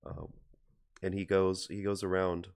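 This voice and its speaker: A man from Wisconsin with a notably low voice, co-hosting a loose podcast chat. He talks in a dry, easygoing way and keeps trailing off into quiet, mumbled asides. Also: flat delivery, a little slow. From Wisconsin, USA. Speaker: podcast co-host.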